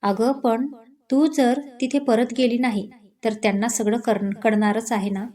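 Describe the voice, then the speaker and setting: A woman's voice: a little high, fairly even intonation, measured pace, dark tone, natural voice. A woman voicing a teasing, outspoken young woman who is a loyal friend, in a storybook reading. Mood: pleading. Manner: playful then indignant.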